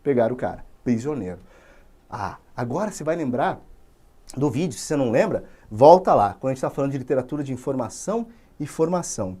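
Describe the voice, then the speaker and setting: A man's voice: mid-range voice, very animated, fast talker, dark tone. A man with a Brazilian accent teaching literature in an informal, slangy storytelling way, full of tag questions.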